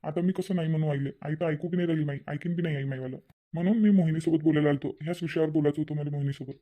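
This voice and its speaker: A man's voice: a little high, fairly even intonation, racing, close to an everyday voice. A man voicing a lovesick young village man. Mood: pleading. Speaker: cartoon character. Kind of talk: cartoon family drama dubbing. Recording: muffled with background music.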